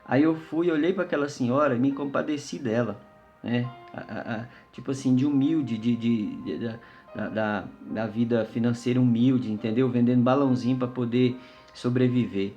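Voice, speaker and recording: A man's voice: mid-range voice, moderate pace, mellow, lo-fi sound, faint music behind. A man giving an informal, conversational sermon as a lay preacher, telling a personal story with many fillers and tag questions.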